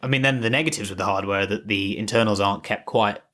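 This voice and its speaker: Low-voiced man chatting about tech. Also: fast talker, sharp tone. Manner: rambling, many restarts and fillers. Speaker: podcast co-host. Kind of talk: casual tech chat.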